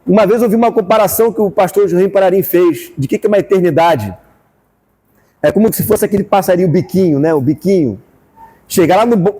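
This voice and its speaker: A man with a Brazilian Portuguese accent preaching a fervent sermon as pastor, rising to shouts at times. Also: high-pitched, breathy edge, long reverb tail.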